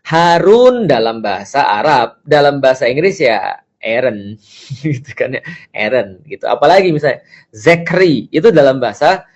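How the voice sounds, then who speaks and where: A man giving a casual religious lecture as a preacher, lively and acting out the voices he quotes. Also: mid-range voice, normal speed, highs cut off. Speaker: Islamic preacher.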